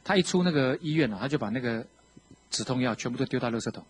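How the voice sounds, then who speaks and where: A man with a Taiwanese Mandarin accent giving a sermon testimony, telling his story with animation and acting out the quotes, shifting between hushed and loud. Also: mid-range voice, animated, fast, slight background noise. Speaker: preacher sharing his testimony.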